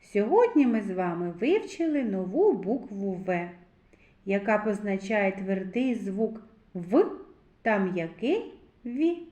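A woman teaching a literacy lesson to preschool children in a slow, clear, sing-song teacher's voice. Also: mid-range voice, expressive, mellow, roomy sound.

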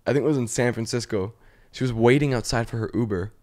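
A man hosting a casual comedy podcast. He tells stories with animated energy in a mid-pitched voice. He fills his talk with "like" and "literally" and breaks into laughter. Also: fast. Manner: animated storytelling, heavy use of "like" and "literally", laughing often. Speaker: podcast host.

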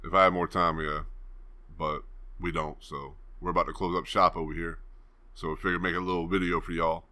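Deep, bright-voiced man telling a story. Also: little pitch movement, a little fast. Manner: laid-back, rambling, swears freely. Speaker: channel host. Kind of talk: casual storytelling to camera.

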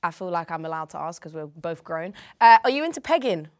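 A woman's voice: lowish voice, very animated. A woman, chatting bluntly and teasingly as the dater on a speed dating show. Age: 20s. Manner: blunt and teasing, quick to apologise. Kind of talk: casual chat.

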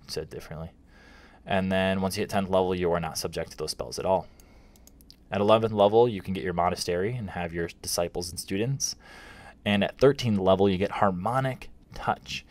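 A young man with a deep, low voice walks through tabletop rules in a relaxed tutorial. He reads the rulebook aloud, breaks off into casual asides and leans on plenty of fillers as he goes. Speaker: game rules teacher.

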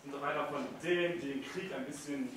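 A man's voice: fairly high pitch, fairly quick, close to an everyday voice. A man playing a scornful, arrogant army colonel who mocks the soldier before him on stage. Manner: mocking, contemptuous, lively. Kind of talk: stage play performance. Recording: echoey hall, mic far off, faint noise.

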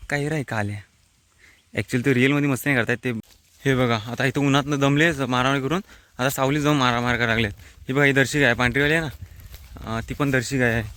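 Filming on his phone as he strolls the countryside, this young Konkan vlogger from India chats casually with viewers while passing through forest and fields. He speaks fast in a medium pitch, with fairly even intonation and a bright, forceful tone. Talkative and direct with his audience, he drops English words into his speech.

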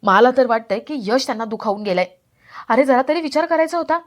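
A woman's voice: fairly high pitch, expressive, fast talker, natural voice. A woman voicing a caring young wife who coaxes and reproaches. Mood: coaxing. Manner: coaxing.

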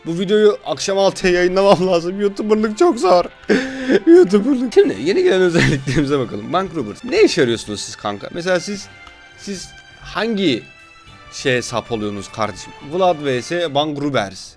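A man's voice: fairly high pitch, big pitch swings, brisk, faint music behind. A sleep-deprived man giving casual, playful gameplay commentary as a gaming YouTuber, joking with his viewers.

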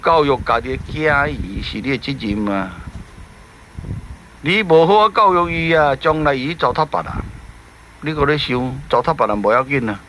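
A man with a Taiwanese Hokkien accent hosting a storytelling talk show, retelling a tale and moralizing in a lively way. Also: medium pitch, moderate pace, a little hiss or hum, low-quality recording. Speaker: radio storyteller host.

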